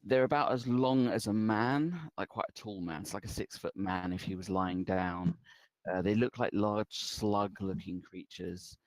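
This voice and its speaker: A very low-voiced man runs a tabletop game over an online call, and his audio glitches and cuts out mid-sentence. The sound is dry and close, with no room around it. He describes the scene haltingly, leaning on fillers. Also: no room sound, poor audio. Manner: hesitant, filler-heavy description. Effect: glitchy call audio that breaks up. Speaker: game master.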